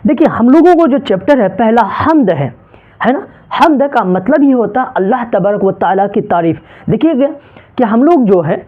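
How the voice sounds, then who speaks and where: A woman teacher giving an exam-prep lecture, repeatedly asking and answering her own questions. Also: medium pitch. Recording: dull lo-fi recording.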